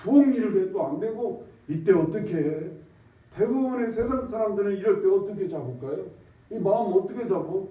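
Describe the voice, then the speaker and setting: High-voiced pastor in an echoey church. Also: male voice, lively intonation. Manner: peppers talk with questions to the congregation; folksy, repetitive, drawn-out emphasis. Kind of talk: conversational sermon. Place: church sanctuary. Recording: echoey, distant, dull lo-fi church recording.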